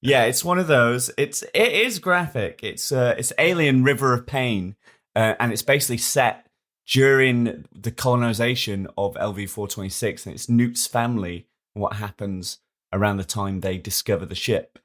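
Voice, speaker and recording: A man's voice: mid-range voice, normal speed, a bit bright. A man co-hosting a podcast in casual, jokey, rambling chat. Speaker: podcast co-host.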